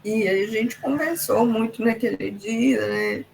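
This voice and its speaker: A woman's voice: fairly high pitch, slow pace, vocal fry, a little mellow, slight background noise, low-quality recording. A Brazilian woman leading a casual Bible study from her home office, mixing personal stories with scripture in a chatty way full of little asides. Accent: Brazilian Portuguese. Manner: chatty, peppered with "né" and "sabe". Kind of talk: casual devotional talk and personal testimony.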